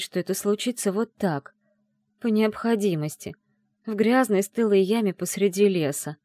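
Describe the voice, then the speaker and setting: A woman reading a first-person novel aloud in an expressive, emotional way. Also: medium pitch, dry recording, clean studio sound. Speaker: audiobook narrator.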